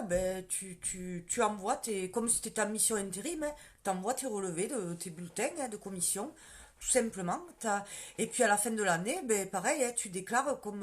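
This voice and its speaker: A woman with a strong southern French countryside accent, chatting casually on a live stream, answering viewers' questions about her sales work and greeting commenters by name. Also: medium pitch. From southern France. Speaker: beauty sales consultant.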